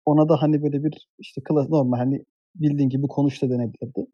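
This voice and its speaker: A man's voice: on the high side, fairly even intonation, rapid-fire, slightly rough, no echo, highs cut off. A man chatting casually on a podcast, hesitant, with many fillers and restarts. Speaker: podcast co-host. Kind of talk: casual chat.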